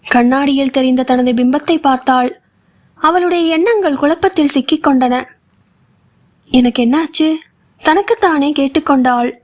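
A woman narrating a novel for an audiobook with a steady storytelling delivery. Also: high voice.

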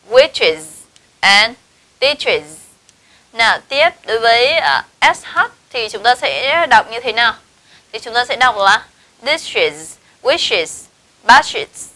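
A woman's voice: on the high side, sharp tone. A woman English teacher, giving a classroom lesson and checking in with her students through frequent tag questions.

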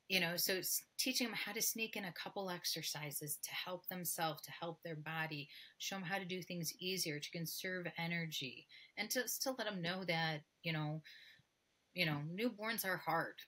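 A middle-aged woman, a pelvic floor physical therapist, appears as a guest expert on a podcast over a video call from an indoor room. Her voice is lowish and pushed and bright, at a moderate pace, and she speaks candidly, often acting out snippets of dialogue.

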